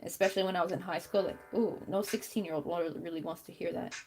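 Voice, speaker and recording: This is a crochet channel host, a young adult woman, chatting casually while crafting and muttering irritations to herself in a young-sounding voice. She speaks quickly on the low side, with fairly even intonation and a darkish tone. Music runs underneath, along with a little hiss or hum.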